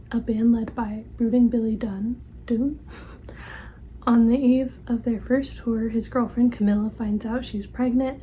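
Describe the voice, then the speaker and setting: Casting: woman playing a polite, helpful librarian, ASMR ASMR role-play, soft breathy library soft voice, very dark mellow tone, faint background noise. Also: fairly high pitch, natural voice, low-quality recording. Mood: reading softly. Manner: gentle, hushed, attentive customer-service talk. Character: helpful, polite female librarian recommending books to a customer.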